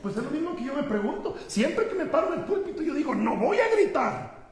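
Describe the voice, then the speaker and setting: High-voiced man preaching with shouts. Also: animated, quick pace, roomy sound. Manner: impassioned preaching that swings from shouting to hushed, often calling out "hermano". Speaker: pastor. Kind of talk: sermon. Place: church pulpit.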